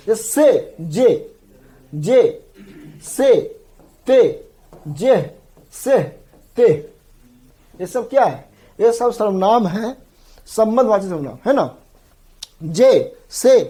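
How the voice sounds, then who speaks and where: Husky guy teaching grammar for an exam, says every word three times, keeps asking "got it?". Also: sits high, darkish tone. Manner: repeats terms drill-style, often checks in with the class. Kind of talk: exam-prep grammar lecture.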